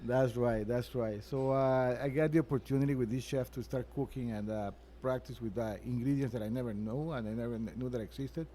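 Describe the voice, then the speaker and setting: A man with a mellow, relaxed voice at a medium pitch, answering interview questions about himself. He talks earnestly, stops and restarts his sentences often, and is recorded inside a restaurant. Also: a little hiss or hum. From Venezuela. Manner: earnest, halting, with frequent restarts. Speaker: chef and restaurant owner, guest.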